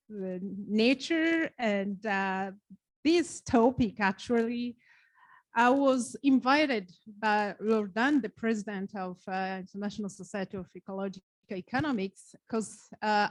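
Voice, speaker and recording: Slow-speaking woman from Rwanda. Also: medium pitch, no room sound. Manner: unhurried, with frequent uhs. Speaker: researcher, panelist. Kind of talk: conference self-introduction.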